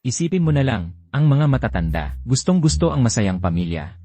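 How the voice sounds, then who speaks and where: A man's voice: medium pitch, a little fast, slightly rough, no room sound. A man dubbing a drama, playing a young husband who playfully coaxes and teases his wife. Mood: persuasive. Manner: playful, coaxing, lively. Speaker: dubbing actor. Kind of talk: dubbed drama acting.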